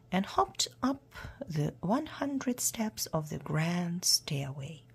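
A woman reading a children's storybook aloud in a hushed, half-whispered way. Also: lowish voice, vocal fry, husky. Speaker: storyteller for English learners.

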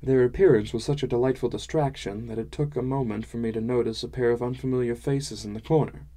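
A man reads a fantasy audiobook in first person, measured and wry in his delivery. His pitch sits mid-range for a man. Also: fairly even intonation, mellow. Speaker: audiobook narrator. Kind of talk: scripted first-person narration.

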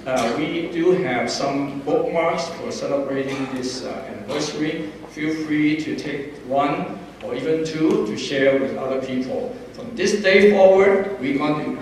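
An older man, a pastor, making informal, halting announcements to a congregation in a large church hall. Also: on the high side. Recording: echoey reverberant hall from far off, faint noise.

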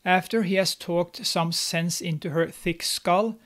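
Hosting a movie recap on camera with a studio mic, a young man reads a scripted, sarcastic narration at a steady, slightly slow pace. His fairly high voice stays snarky as he mocks and teases the characters.

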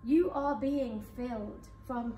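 A woman hypnotherapist leading a guided hypnosis session for a live audience in a conference room, speaking in slow soothing suggestions. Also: a little high, dark tone, a little hiss or hum. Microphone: far camera. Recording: echoey room from far off.

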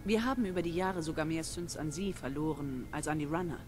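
A woman's voice: sits low, fairly quick, close to an everyday voice. A woman playing a stern, resolute resistance leader in a video game, speaking seriously and with command. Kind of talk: scripted game dialogue. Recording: music behind the voice.

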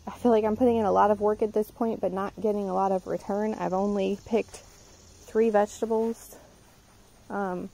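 Chatty woman with a gravelly voice. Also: medium pitch, fairly even intonation, moderate pace, dark tone, rough recording. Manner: chatty, rambling, with frequent ums. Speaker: gardening vlogger. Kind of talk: casual garden tour walkthrough. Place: outdoor yard garden. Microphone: handheld phone camera.

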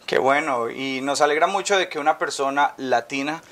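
A man's voice: on the high side, moderate pace, fairly bright tone. Upbeat male TV interview host. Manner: upbeat, welcoming. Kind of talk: TV interview hosting. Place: office, indoors. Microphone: lapel.

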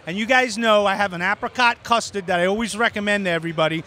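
A man's voice: high-pitched, fast, pushed and bright. A middle-aged man with a Brooklyn accent hosting casual trade show interviews in a brash, chummy, emphatic way. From New York. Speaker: show host and reviewer. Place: trade show floor booth indoors. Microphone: handheld microphone. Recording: noisy convention hall.

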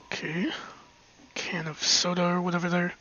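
In a bright, forceful, mid-range voice with a level tone and moderate pace, a commentator with hiccups gives casual let's-play commentary, rambling while exploring. They often giggle and mutter under their breath. The audio is slightly dull and lo-fi.

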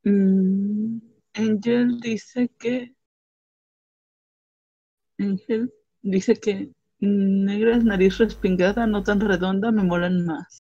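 A woman's voice: mid-range voice, fairly even intonation, extremely slow, pauses often, mellow, lo-fi sound. A woman from Venezuela, reading chat messages aloud and chatting casually.

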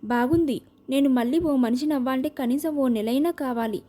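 This is a proud, restless young heroine in an audio novel, read out by a woman. She speaks in an insistent, pleading way. The voice sits high but sounds dark and mellow. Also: normal speed, close to an everyday voice.

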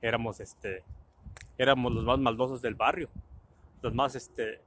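A man's voice: medium pitch, fairly even intonation, unhurried, a bit bright. Profane man spinning a story. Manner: colloquial and profane, acts out the people in his story. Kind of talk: casual anecdote telling.

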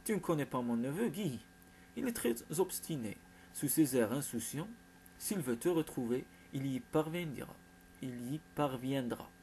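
A man playing a gruff older medieval lord. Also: a little high, animated, normal speed, dark tone, slight background noise. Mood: stern. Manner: stern, lecturing, commanding.

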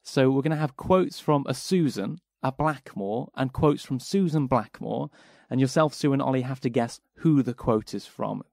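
A man's voice: medium pitch, darkish tone, dry recording, studio quality. A man hosting a podcast, playfully running a quiz and reading quotes with theatrical emphasis. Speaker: podcast host and quizmaster. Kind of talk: casual podcast chat.

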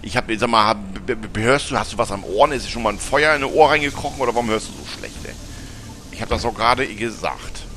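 A man's voice: fast, fairly bright tone, slight background noise. A German man doing let's play commentary, chatty and teasing, talking back at the characters in the game as he plays. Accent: German, with northern colloquial speech. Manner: breaks into high-pitched laughter.

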